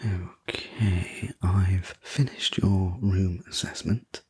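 A man in a soft, breathy ASMR role-play, speaking as a soothing, gentle sleep story narrator and attendant. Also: low-pitched, steady tone. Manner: slow, gentle, reassuring delivery. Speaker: host playing a sleep room preparation attendant.

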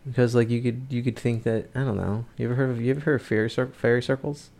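A man's voice: medium pitch, steady tone, fast, gravelly, darkish tone. A young man co-hosting a podcast, chatting casually in a crude, joking way and laughing often. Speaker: podcast co-host. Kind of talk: casual chat.

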